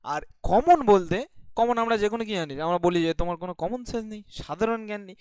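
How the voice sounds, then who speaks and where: High-voiced male teacher explaining grammar. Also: fast, a little mellow, clear, resonant tone, no echo. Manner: asks questions then answers them himself; explaining patiently, checking in often. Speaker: English teacher. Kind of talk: classroom grammar lesson.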